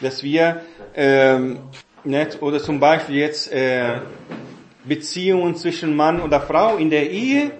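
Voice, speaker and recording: Man, preacher, halting delivery, frequent fillers, roomy echo, faint background hiss. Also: a little high. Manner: halting, with many fillers and tag questions. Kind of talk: Bible teaching talk.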